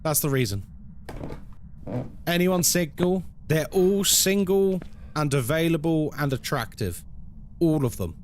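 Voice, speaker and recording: A man's voice: fairly high pitch, animated, measured pace, long pauses, a little mellow. Guy streaming a game, chatty and playful, voice jumps around a lot, bit of noise behind him. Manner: playful, tongue-in-cheek banter. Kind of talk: casual chat and game commentary to viewers.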